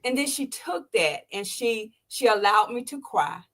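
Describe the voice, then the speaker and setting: At a measured pace, this sixty-something podcast host tells a moving story from her own life in an interview. She animates it by performing quotes with abrupt rises in pitch, and her voice turns soft and low whenever she is touched.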